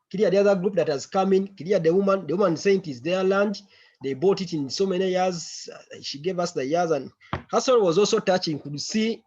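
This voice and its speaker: A man's voice: on the high side, a little mellow, husky. A man briefs colleagues on a conference call, often repeating words and phrases as he recounts. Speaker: member of an organisation reporting to a meeting. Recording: muffled online conference call audio.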